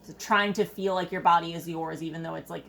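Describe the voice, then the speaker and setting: Woman, slightly low voice, casual book review, effusive, says "like" often, noisy background. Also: fairly even intonation, fast, fairly bright tone. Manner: effusive, heavy use of "like". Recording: clear background noise.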